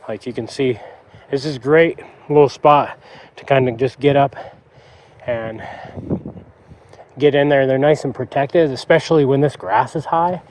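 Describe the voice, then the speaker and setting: A man filming himself outdoors in a river bottom, talking to his viewers in an excited, rambling way full of "I mean" and "like". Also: medium pitch, unhurried, long pauses, a little hiss or hum. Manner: excited, exclaiming, lots of fillers like "I mean" and "like". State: catching his breath. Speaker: shed hunter filming himself. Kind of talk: outdoor vlog narration. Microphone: camera mic.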